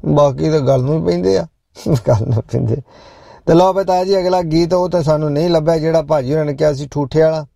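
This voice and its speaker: Gravelly, mellow-voiced male show host. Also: fairly high pitch, fast talker, no room sound, studio quality. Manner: loud, preachy, jokey, talks directly to listeners. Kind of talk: casual live show chat with listeners.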